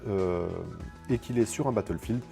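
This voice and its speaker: A man with a fairly low, mellow voice gives casual commentary as he opens booster packs. He draws out each card name, then drops into quicker, quieter rule explanations full of fillers and self-corrections. Soft music plays faintly underneath. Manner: reads card names slowly, then explains rules in a quick, low aside. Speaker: card game content creator.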